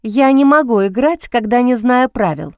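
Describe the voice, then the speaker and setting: A woman's voice: on the high side, animated, normal speed, smooth, no room sound, clean studio sound. A woman voicing a young heroine in an audiobook, breathless and pleading, torn against herself. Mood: wary. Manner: breathless, pleading, self-reproaching.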